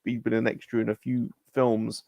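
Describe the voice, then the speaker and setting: British man, live-stream host, chatty, gravelly, dry sound. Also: mid-range voice, little pitch movement, moderate pace, a little mellow, no echo, lo-fi sound. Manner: chatty, laughs often. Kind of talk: casual live-stream chat.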